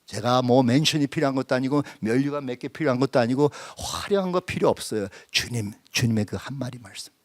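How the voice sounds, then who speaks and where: A man's voice: medium pitch, fast, few pauses, no echo, studio quality. A male preacher giving a sermon as a personal testimony, telling it intimately, sometimes sinking to a whisper and then rising into emphatic questions, with English phrases mixed in. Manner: mixes English phrases into speech. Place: church.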